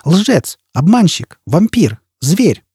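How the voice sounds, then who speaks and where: A man's voice: a little high, moderate pace, creaky, mellow, breathy edge, no room sound, studio quality, voice pushed up, full character voice. A man voicing a fierce, bitter young woman who scorns and taunts, in an audiobook reading. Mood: furious. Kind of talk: audiobook character voice.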